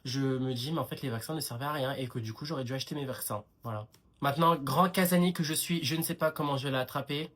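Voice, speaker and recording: A young man doing comic sketches and ranting in an animated, sarcastic way. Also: mid-range voice, fast. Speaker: comedy creator.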